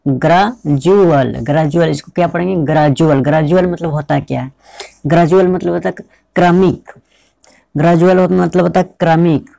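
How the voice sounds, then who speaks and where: A man's voice: a little high, steady tone, moderate pace, vocal fry, warm tone, no room sound. A man teaching English pronunciation in a classroom style, spelling out words, repeating them and checking with rhetorical questions.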